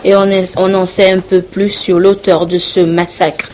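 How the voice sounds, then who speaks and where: A woman's voice: lowish voice, level tone, moderate pace, darkish tone, a little hiss or hum. A woman presenting the evening news in a formal, composed manner. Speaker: news anchor.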